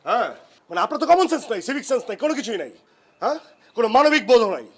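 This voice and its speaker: A man's voice: very high-pitched, big pitch swings, racing, heavily acted. An actor playing an irritable young man neighbour who bluntly scolds the woman next door. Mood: scolding. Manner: scolding, blunt, mixes in English. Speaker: annoyed neighbour, guitar player. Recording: echoey room with music.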